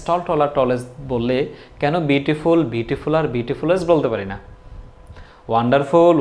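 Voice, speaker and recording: A man's voice: medium pitch, a little mellow. Man drilling an English grammar lesson. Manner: repetitive, drilling students with questions. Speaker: English teacher.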